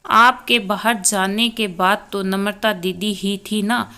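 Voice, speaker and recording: A woman's voice: medium pitch, steady tone, slow, bright, forceful tone, smooth. A woman voicing a scheming, greedy young daughter-in-law in a storybook reading. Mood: sly. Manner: sly, scheming.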